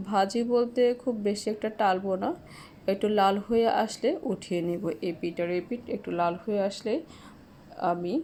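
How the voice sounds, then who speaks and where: Cooking host, woman; steady, explanatory voice-over with English filler words, faint hiss behind. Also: mid-range voice.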